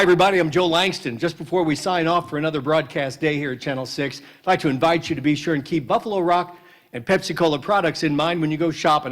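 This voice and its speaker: A man playing a late-night TV announcer folksily reading a live soft-drink commercial. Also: natural voice. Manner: folksy, chatty pitchman delivery.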